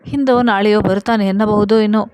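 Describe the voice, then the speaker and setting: A woman reads a love story aloud in a steady, even manner. Her voice is mid-pitched and recorded close and dry, with no room sound. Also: quick pace, clean tone, dry recording, poor audio. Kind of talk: scripted story narration.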